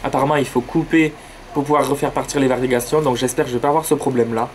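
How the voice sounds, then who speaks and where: A man's voice: medium pitch, fairly even intonation, very fast. Eager southern french guy rambling about his plants outdoors, phone mic, faint traffic hum. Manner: enthusiastic, chatty, slangy. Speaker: plant vlogger. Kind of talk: casual chat. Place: outdoors near a road with cars and planes.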